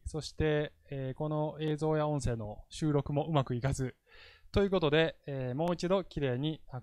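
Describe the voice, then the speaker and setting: A man's voice: fairly high pitch, no echo. A man preaching a casual, chatty sermon as pastor, laughing easily as he talks. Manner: chatty and animated, laughs often.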